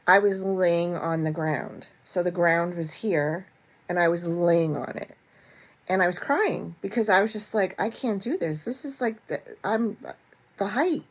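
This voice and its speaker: A woman hosting a vlog, telling a story to camera in a chatty, animated way with many fillers and restarts and a self-mocking sense of humor. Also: medium pitch. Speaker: vlog host. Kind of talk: casual storytelling chat to camera.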